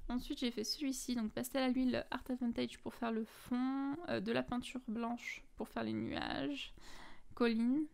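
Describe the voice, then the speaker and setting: A woman's voice: on the high side, fairly even intonation, a little slow, vocal fry, a little mellow. A woman from France talking casually through her finished coloring pages, listing her art supplies with lots of fillers and self-corrections. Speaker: coloring book vlogger.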